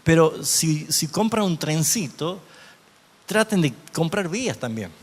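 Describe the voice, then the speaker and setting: Pastor guy teaching bible class, kinda high voice, lots of questions to the room, big echoey hall. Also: big pitch swings, a little slow, husky. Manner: asks the audience rhetorical questions. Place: church hall. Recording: long hall reverb.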